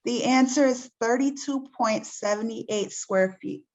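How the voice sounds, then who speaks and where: A woman reads a young nonbinary college student who gently corrects the professor. The voice is slightly high, polite and tentative. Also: measured pace, dull audio, natural voice. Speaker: student leader reading a training scenario. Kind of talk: read-aloud role-play scenario.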